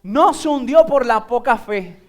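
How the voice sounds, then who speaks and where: A man's voice: extremely high pitch, unhurried. A man with a Puerto Rican Spanish accent preaching a sermon as pastor, telling a Bible story while directing volunteers who act it out. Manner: animated storytelling, acting out a Bible scene with volunteers.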